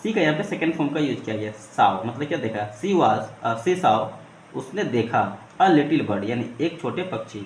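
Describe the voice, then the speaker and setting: A man's voice: medium pitch, lively intonation, normal speed. Man teaching English with a roomy echo. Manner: repeats 'ठीक है' often, asks questions and answers them himself. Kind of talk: explaining an English story line by line in Hindi. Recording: roomy echo, faint ambient noise.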